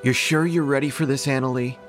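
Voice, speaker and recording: An actor playing a playful, steady young boyfriend in an audio horror drama, teasing and easygoing. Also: male voice, mid-range voice, brisk, lightly acted. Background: music.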